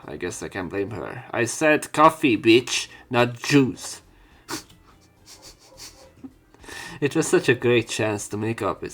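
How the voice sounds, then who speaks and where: A let's play narrator with a fairly low, slightly bright voice reads visual novel text aloud over game music. He throws in casual, irreverent commentary that's occasionally sweary.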